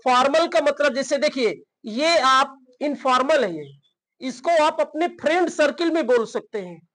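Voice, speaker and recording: A man's voice: very high voice, expressive, a little slow, fairly bright tone, rough recording. A man teaching English in Hindi, who asks his learners questions, answers them himself, and often checks in with "theek hai na". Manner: addresses learners as "beta". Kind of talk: spoken English lesson in Hindi.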